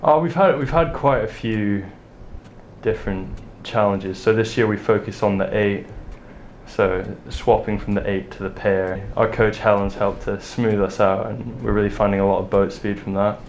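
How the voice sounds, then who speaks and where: A young man in his late teens giving relaxed, lightly joking interview answers. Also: fairly low pitch, moderate pace, a little hiss or hum. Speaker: junior rowing crew member. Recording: slightly dull audio.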